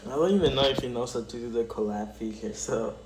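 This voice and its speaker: A man streaming a game, talking casually to his chat in quick rambling bursts and restarts. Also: mid-range voice, noisy background. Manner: rambling, talks to chat while playing; quick bursts, trailing off mid-sentence. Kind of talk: casual gaming livestream chat.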